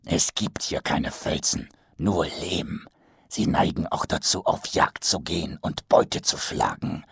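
A man's voice: extremely low pitch, creaky, breathy edge, dry recording, exaggerated voice. A man doing a grumbling, muttering assassin. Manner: slow, muttering, half-whispered. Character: grumbling male assassin, dry and slow.

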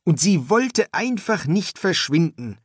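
A man's voice: high voice, very animated, slow, breathy edge, no room sound, studio quality, pitched above the performer's own voice, exaggerated voice. A man voicing an earnest young architect's son who explains things in a matter-of-fact way. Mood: earnest explaining.

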